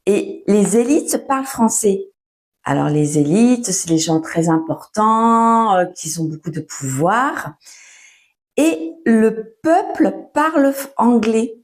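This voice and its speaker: A young woman giving a casual, patient French lesson at home, often pausing with fillers and restarting her sentences. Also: medium pitch, lively intonation. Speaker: French teacher. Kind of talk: casual spoken lesson for learners.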